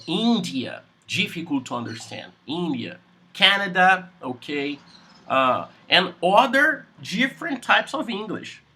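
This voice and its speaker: A Brazilian man with a Portuguese accent teaches an online English class over a video call. He uses slow, simple sentences and repeats words. His voice is mid-range with a sharp tone.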